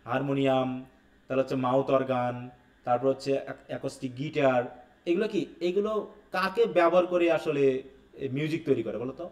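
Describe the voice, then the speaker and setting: A man's voice: medium pitch, fast talker, a little mellow, distant mic. Man teaching a live class, echoey room. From Bangladesh. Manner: keeps checking with students, mixes English terms. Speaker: English teacher. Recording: echoey room, away from the mic.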